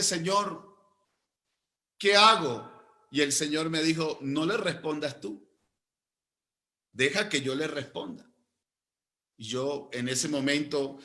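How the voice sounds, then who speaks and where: Bright, emphatic preaching man. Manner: storytelling, swings between loud emphatic and low slow phrases. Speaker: pastor. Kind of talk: sermon.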